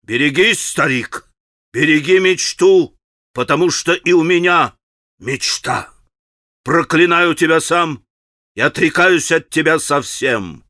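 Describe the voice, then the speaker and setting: Man playing hot-tempered young man, emphatic, slightly raised pitch, bright voice, audiobook. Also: slow pace, no room sound, studio quality. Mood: bitter. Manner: heated, emphatic declaiming. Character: violent, passionate young man, raging and defiant.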